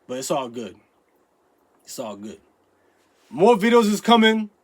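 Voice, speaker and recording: A man with a stuffy nose chatting casually to his viewers, rambling with lots of restarts and fillers, and breaking into loud, emphatic outbursts. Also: high voice, big pitch swings, measured pace. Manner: bursts into loud emphatic yelling. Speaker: YouTube vlogger. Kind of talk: casual vlog chat to camera.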